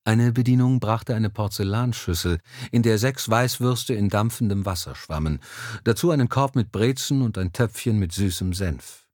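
Guy reading an audiobook, low voice, calm and steady, dry close sound. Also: normal speed, no room sound. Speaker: audiobook narrator. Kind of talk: scripted narration.

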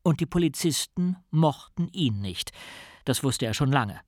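A man reading a children's story aloud in a calm, expressive storytelling manner. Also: mid-range voice, a little slow, no room sound, clean studio sound. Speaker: narrator. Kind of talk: audiobook storytelling.

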